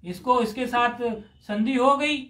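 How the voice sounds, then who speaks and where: High-voiced man teaching Sanskrit grammar. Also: measured pace, a bit bright. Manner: patient, explains step by step, questions students. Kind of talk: live classroom lesson. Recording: roomy echoey room.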